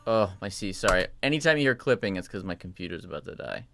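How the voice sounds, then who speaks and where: Low-voiced guy rambling thru his mix, tutorial style, music blasting behind. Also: lively intonation, fast talker, creaky. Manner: loose, rambling, thinking aloud. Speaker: music producer walking through his mix. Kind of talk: casual screen-share tutorial. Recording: voice over loud music playback.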